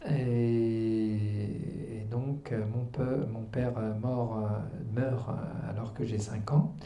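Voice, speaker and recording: A man in his fifties answers questions at a public book presentation, hesitating often and restarting his phrases before pressing his point with conviction. His voice is very dark and mellow, and it rings through a roomy hall. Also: mid-range voice, fairly even intonation, slow pace. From Algeria, raised in Paris. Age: 50s. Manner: hesitant, many fillers and restarts, earnest. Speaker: author and guest. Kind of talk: public book talk interview. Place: cultural centre hall.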